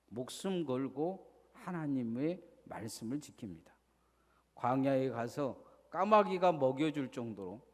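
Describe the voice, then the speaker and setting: Male pastor, slightly high voice, preaching with rhetorical questions in a long-reverb sanctuary. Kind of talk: sermon. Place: church sanctuary.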